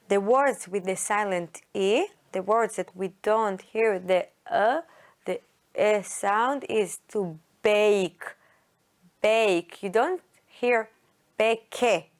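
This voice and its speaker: A woman's voice: mid-range voice, slow pace. A woman with an Israeli accent, a native Hebrew speaker, teaching an English lesson to children, explaining carefully and repeating words. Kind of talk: slow classroom lesson for children.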